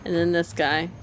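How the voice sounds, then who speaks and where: Chatty woman streamer, slow and low. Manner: chatty, laughs often, thinks aloud. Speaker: streamer playing a video game. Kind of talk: casual live gameplay commentary.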